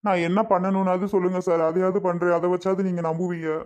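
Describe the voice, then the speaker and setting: A man's voice: high-pitched, level tone, quick pace, a little mellow, close to an everyday voice. A man voicing a repentant jailed husband in a cartoon, pleading over and over. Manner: begging, repeats sir again and again.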